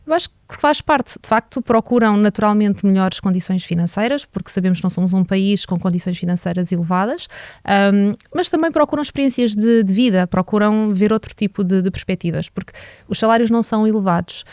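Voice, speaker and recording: On a business podcast, the guest is a Portuguese HR director with a European Portuguese accent, whose earnest, reflective speech is full of hesitations. Her mid-range voice runs a little fast and sounds a little mellow. It's captured at studio quality with no echo.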